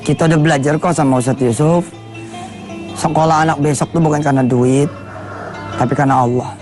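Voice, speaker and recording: Man, Indonesian accent, TV sermon, slightly high voice, faint background music. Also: steady tone, darkish tone. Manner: chants Arabic verses slowly, then explains in casual speech. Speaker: TV preacher. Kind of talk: televised sermon.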